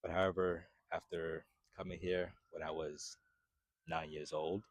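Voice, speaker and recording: This fitness vlogger and personal trainer, a Haitian-born man in his twenties, chats casually to camera and keeps tossing in "right?" His deep voice is flat and unhurried, recorded with no room sound.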